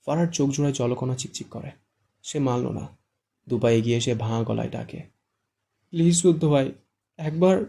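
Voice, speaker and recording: A male audiobook narrator reads in an even, measured storytelling manner. His voice is gravelly, with a dark, mellow tone. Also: mid-range voice. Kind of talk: scripted narration.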